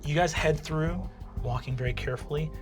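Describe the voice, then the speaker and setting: A man's voice: a little high, brisk. A man narrating a tabletop fantasy game as game master, improvising descriptive scenes and ruling on players' actions. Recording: clear music under the voice.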